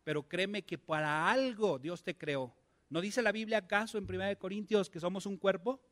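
A man's voice: sits high, normal speed, fairly bright tone. A male pastor, preaching a conversational sermon and asking his congregation many questions.

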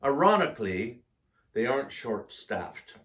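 Co-host, male, slow and animated joke-teller, playful delivery. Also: very noisy. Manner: slow, playful joke-telling with lively pitch. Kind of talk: casual comedic chat.

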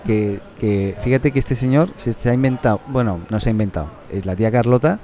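A man's voice: medium pitch, fairly quick, warm tone. Laid-back Catalan man chatting. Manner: rambling, joking, with many restarts. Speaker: podcast host. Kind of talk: casual podcast conversation.

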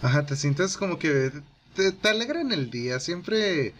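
Young Mexican man, relaxed and joking, slightly higher voice, light noise floor. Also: a little slow. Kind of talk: casual chat.

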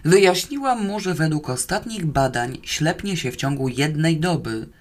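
A woman's voice: sits low, lively intonation, normal speed. A woman reading a novel aloud in the first person, with a wry storytelling manner. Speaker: audiobook reader.

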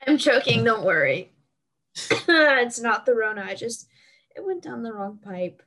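A young woman chatting casually about hockey with friends, animated and full of fillers. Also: on the high side, a little slow.

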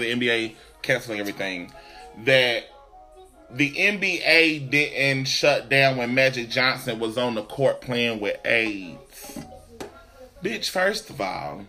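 A man hosting a casual talk show, speaking in an animated, sassy, emphatic way with plenty of swearing. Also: mid-range voice. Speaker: podcast host. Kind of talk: casual, profane banter and commentary.

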